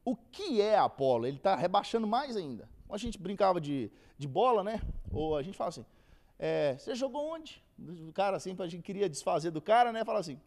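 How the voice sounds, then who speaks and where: A man's voice: high-pitched, lively intonation, fairly quick, darkish tone. A man with a Brazilian accent teaching a casual church Bible lesson, acting out quoted speech in everyday slang. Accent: Brazilian Portuguese. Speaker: theology teacher.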